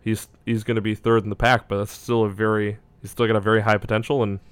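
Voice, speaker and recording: A man's voice: on the low side, little pitch movement, fast talker, clean tone, dry recording. A man talking casually as a basketball draft analyst, hedging and thinking aloud as he goes. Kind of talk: casual sports discussion.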